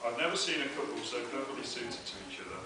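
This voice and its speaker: A young man gives an anecdotal best man's speech at a wedding, in a mid-pitched voice. He is heard from some distance in a very reverberant space, with noticeable noise. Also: lively intonation, fast, a crowd in the background. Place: inside a wedding venue, speaking to guests. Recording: very echoey, noisy, distant event recording.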